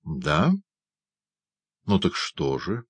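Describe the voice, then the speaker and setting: A man voicing an excitable, fussy old male doctor who shouts and blusters. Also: very deep voice, drawn-out words, breathy edge, no echo, full character voice. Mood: excited, blustering.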